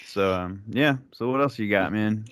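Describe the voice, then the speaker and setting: A man's voice: lowish voice, normal speed, fairly bright tone, smooth, dry recording, clean studio sound. A man hosting a podcast, chatting casually about movies in a rambling way with lots of fillers. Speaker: podcast host.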